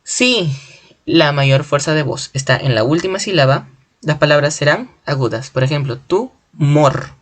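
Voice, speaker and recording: A teacher giving a spoken grammar lesson in a clear, deliberate way, slowly stretching out example words syllable by syllable. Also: mid-range voice, animated. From Peru.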